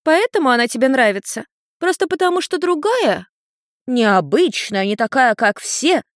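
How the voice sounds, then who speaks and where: A woman voicing a mocking, teasing little girl in a storybook reading, jumping high as she taunts. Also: very animated, normal speed, no room sound, clean studio sound. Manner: taunting, laughing, rising high.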